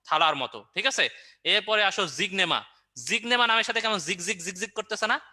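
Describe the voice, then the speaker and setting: A man's voice: high-pitched, brisk, bright, forceful tone. A man teaching an online review class, quizzing students and answering his own questions with playful memory tricks. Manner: playful and joking.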